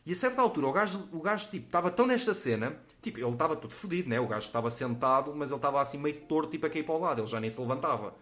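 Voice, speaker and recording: Fast-talking young Lisbon man, slangy. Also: a little high, lively intonation, a bit bright. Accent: European Portuguese, Lisbon area. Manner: slangy, swears a lot, acts out quotes. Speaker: comedian telling a story. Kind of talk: comic anecdote monologue.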